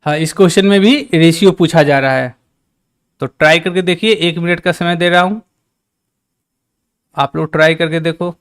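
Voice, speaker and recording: Male maths tutor, live-stream lesson, chatty, fairly high, smooth clear voice. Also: steady tone, normal speed, pauses often. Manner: chatty teacher, reads out and teases chat. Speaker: maths teacher.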